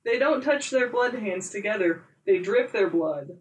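A woman's voice: medium pitch, expressive, normal speed, recorded from a distance, poor audio. A woman co-hosting a podcast, chatting about a TV show with wry jokes. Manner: wry, joking. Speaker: podcast co-host. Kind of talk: casual chat recapping a TV show.

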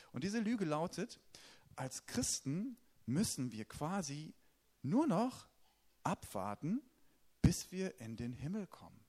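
A man's voice: mid-range voice, darkish tone. A man preaching a sermon in a conversational way, asking the congregation questions and talking to them directly.

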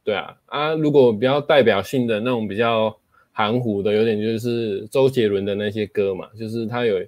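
Male host, lower pitch, dry close recording, casual explanatory delivery with spoken demos and fillers. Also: normal speed, darkish tone, dry recording. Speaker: host explaining speaking skills.

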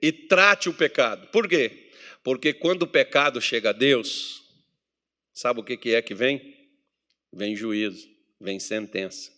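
A Brazilian man preaching a sermon to his congregation, joking with them between Bible readings and swinging from loud readings to low murmurs. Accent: Brazilian Portuguese. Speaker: pastor. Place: church meeting hall.

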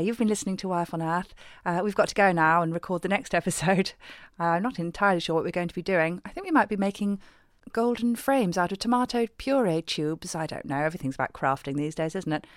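A woman's voice: lowish voice, no echo. A middle-aged woman hosting a scripted comedy podcast, delivering a countdown of her husband's habits in a dry, exasperated way. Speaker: host. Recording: music bed behind the voice.

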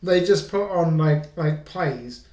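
Sarcastic man, high-ish voice, echoey room. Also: expressive, slow, dark tone, far from the mic. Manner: dry sarcastic jokes, sweary. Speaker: podcast co-host. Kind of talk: casual film review chat. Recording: roomy echo.

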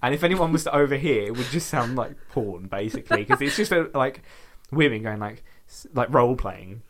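Lively chatty man. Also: medium pitch, fairly quick. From Essex, England. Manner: chatty, rambling, uses "like" constantly. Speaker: podcast co-host. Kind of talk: casual chat.

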